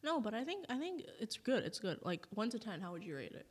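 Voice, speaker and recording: A woman's voice: fairly high pitch, big pitch swings, fast, slightly rough. A young woman gives a casual, chatty food review. She talks informally and feels her way through her thoughts with lots of "like". The room rings with long reverb. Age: young adult. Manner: hesitant, informal, frequent "like". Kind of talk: casual food review chat while tasting.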